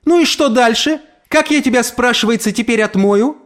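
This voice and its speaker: A man's voice: very high-pitched, moderate pace, a bit bright, voice pushed up. Man doing a brash, crude neighbor woman. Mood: mocking.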